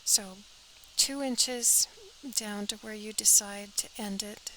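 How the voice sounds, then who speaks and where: A woman's voice: medium pitch, steady tone, slow pace, sharp tone, a little hiss or hum, low-quality recording. A woman teaching a step-by-step sewing pattern drafting tutorial, practical and talking as she works, often dropping to an airy half-whisper.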